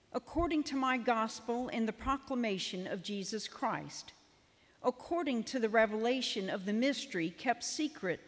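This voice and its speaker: Female lector, high-set voice, measured formal delivery, long reverberant church acoustic. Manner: measured, solemn. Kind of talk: formal scripture reading. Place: large reverberant church interior.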